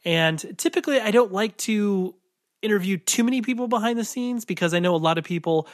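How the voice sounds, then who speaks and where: A man's voice: high voice, a little fast, no echo, studio quality. A man hosting a podcast in a casual, rambling, informal way, his voice nasal and stuffy from a cold. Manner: informal, mild swearing, rambling asides. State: congested from a cold. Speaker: podcast host. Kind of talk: casual, chatty podcast introduction.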